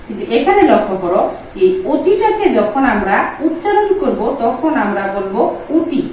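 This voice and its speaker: A woman, teaching pronunciation, patiently repeating words slowly for her students. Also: a little high, very animated, a little mellow, far from the mic, slight background noise. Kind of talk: explaining Bengali pronunciation lesson. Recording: echoey room, voice from off-mic.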